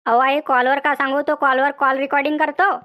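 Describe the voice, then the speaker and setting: A woman's voice: high voice, level tone, brisk, fairly bright tone. A woman voicing a whiny village wife. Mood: complaining. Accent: rural Vidarbha Marathi. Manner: whiny, complaining. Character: complaining young village wife.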